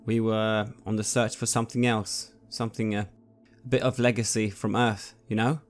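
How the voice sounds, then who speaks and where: Low-voiced male player, earnest, halting in-character talk, soft music bed. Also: flat delivery. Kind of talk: in-character tabletop role-play. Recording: faint music behind.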